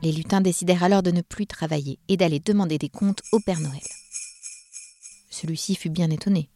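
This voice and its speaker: Mellow woman reading a storybook. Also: lowish voice, a little fast, faint music behind. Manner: gentle, expressive. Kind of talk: storybook narration.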